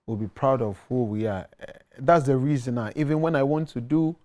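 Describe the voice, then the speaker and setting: A guest musician in his thirties with a Ghanaian accent speaks earnestly on a TV studio set in casual interview talk. His medium-pitched voice is fairly quick and a little mellow, and he repeats words and slips into pidgin.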